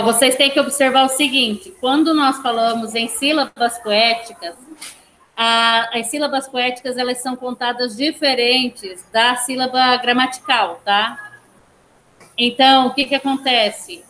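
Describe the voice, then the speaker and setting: A woman's voice: on the high side, a bit bright. A woman teaching a language class online, explaining step by step, counting syllables aloud and checking in with her students. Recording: echoey room, faint background noise.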